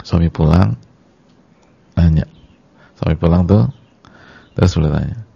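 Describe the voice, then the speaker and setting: Male preacher, very low gravelly voice, dull lo-fi lecture recording; acts out weeping dialogue. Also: measured pace, mellow. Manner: addresses the women in the audience directly. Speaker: Islamic preacher. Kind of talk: sermon-style religious lecture.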